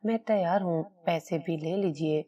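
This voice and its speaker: A woman's voice: on the low side, dark tone, lo-fi sound, close to an everyday voice. A woman reading an anxious, pleading mother. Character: desperate, protective mother, middle-aged woman.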